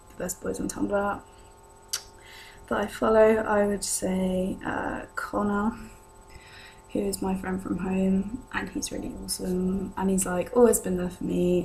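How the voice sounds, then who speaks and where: Her mid-range voice carries vocal fry as this young British woman, sick with a sore throat that lowers her usual pitch, answers viewers' questions. She talks to camera casually and haltingly, wandering off on tangents like a typical vlogger. The home recording is noisy, with a hum.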